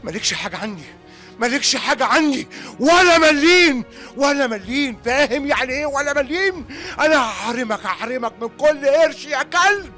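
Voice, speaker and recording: An older father of a rich family in a radio drama, his Egyptian voice sharp and high. He repeats his curses and orders as he shouts, his pitch leaping about. Soft music plays under him. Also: expressive, fairly quick, heavily acted. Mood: furious. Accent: Egyptian Arabic. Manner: shouting, cursing, repeating himself. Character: wrathful wealthy patriarch, older father disowning his son.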